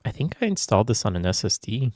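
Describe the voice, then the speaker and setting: A man chatting casually on his gaming livestream, rambling and confused, with frequent chuckles and throat clearing. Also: fairly low pitch, big pitch swings, fast, no room sound. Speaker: livestream gamer. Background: soft background music.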